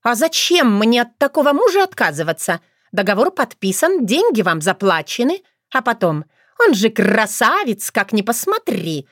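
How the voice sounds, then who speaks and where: A sharp-tongued young crow bride, put on by a woman reader, pitched well above the narration and pushed louder, teasing with every line. Her voice leaps and dips in a lively way. The sound is close and dry. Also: normal speed, no echo. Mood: mocking. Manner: sarcastic, teasing. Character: mocking young female crow, bald bride.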